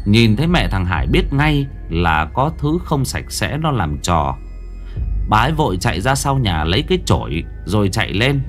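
A man narrating a horror story in a dramatic, expressive storytelling manner. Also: fairly low pitch.

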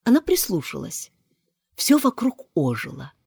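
A woman narrating an audiobook fairy tale in an expressive storybook manner. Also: measured pace, creaky, slightly rough, no echo, studio quality. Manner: highly expressive, animated.

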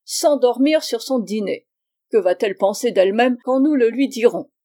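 Storybook part: woman reader as a boisterous, exclaiming father, mellow. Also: on the high side, a little slow. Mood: jovial. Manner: loud, exclaiming. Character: panicking middle-aged father, loud and jovial.

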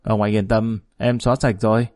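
A man voicing a fawning male underling who keeps flattering his boss in a spoken story. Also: lowish voice, fairly quick, no echo, clean studio sound, soft background music, close to an everyday voice.

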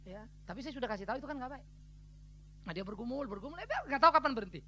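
A man's voice: very high-pitched, very animated, rapid-fire, pushed and bright, slight background noise. A man preaching a sermon as pastor, blunt and colloquial, speaking straight at the congregation and acting out what other people say. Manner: acts out quoted voices of other people.

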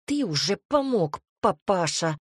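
A woman voicing a sharp-tongued young woman who has been turned into a firebird, bossy and mocking. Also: medium pitch, animated, slow, slightly rough, no echo, studio quality, pitched above the performer's own voice. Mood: snappish.

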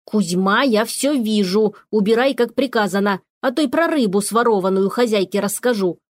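A woman's voice: mid-range voice, expressive, moderate pace, dry recording, close to an everyday voice. A woman voicing a grumpy male house spirit who scolds and grumbles, in a storybook reading. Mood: grumbling.

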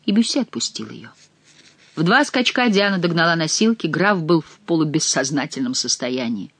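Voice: mid-range voice, lively intonation, moderate pace, a bit bright, dry recording. Dry-sounding audiobook narrator. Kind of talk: scripted narration of a classic novel.

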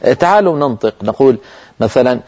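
A man with a mellow, warm voice gives a televised lesson on Quran recitation. He explains patiently, poses questions and answers them himself, and stretches out example words slowly so their sounds come through. The recording sounds dull and lo-fi, like old broadcast audio. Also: mid-range voice, expressive. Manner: draws out example words slowly to show how they sound.

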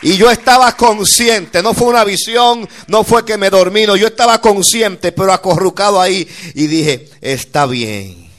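A man's voice: high voice, moderate pace, hardly any pauses, fairly bright tone. A middle-aged man with a Dominican accent, preaching a fervent sermon as a pastor and often calling his listeners brother. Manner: fervent testimony, often calls listeners "hermano".

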